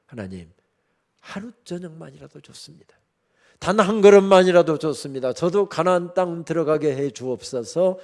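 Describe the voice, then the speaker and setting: A man's voice: a little high, expressive, moderate pace, darkish tone. A man preaching voices the aged Moses earnestly begging God in prayer. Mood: pleading.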